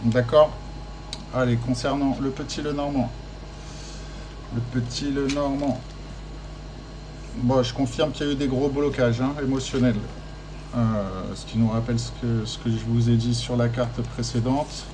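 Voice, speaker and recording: A man's voice: mid-range voice, level tone, a little slow, long pauses, background noise. A man giving a tarot card reading in casual, hesitant speech full of fillers and restarts, encouraging his listeners. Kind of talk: casual spoken guidance.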